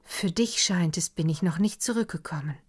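A woman voicing a brooding, jealous young man who speaks low, hushed and hoarse. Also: normal speed.

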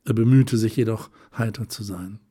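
A man reading literary fiction aloud, calm and measured. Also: on the low side, slightly rough. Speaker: reader. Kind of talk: literary audiobook narration.

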